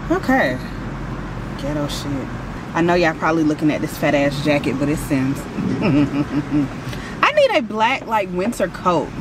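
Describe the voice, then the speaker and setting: Very animated yet a little slow, her low voice carries over heavy background noise. She's a Georgia vlogger in her thirties, talking casually and slangily to viewers as she runs errands in her car and through stores.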